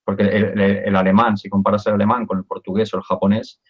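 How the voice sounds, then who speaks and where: A man with a fairly low voice moderates a live talk and passes on audience questions. He pauses to search for his words, and the sound is dull and lo-fi. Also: level tone, slightly rough. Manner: hesitant, searching for words with fillers. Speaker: interviewer reading viewer questions.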